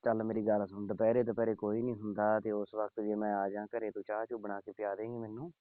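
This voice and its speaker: Male caller, low voice, talks fast, coaxing tone, heard over a phone. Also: level tone, no room sound. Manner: coaxing, pleading. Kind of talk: phone call. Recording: tinny phone line.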